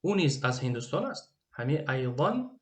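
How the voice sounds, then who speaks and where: A man with a Tajik accent teaches Arabic grammar, saying each Arabic phrase slowly before translating it. His medium-pitched delivery has a sing-song quality, with slight background noise.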